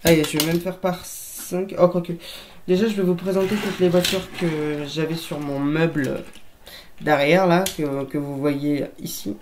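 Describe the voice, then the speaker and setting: Speaking a bit low with a slightly mellow tone, a toy-collecting vlogger chats to camera in a room at home beside a toy shelf. She addresses viewers as friends and makes jokey asides, and there's a little hiss or hum on the audio.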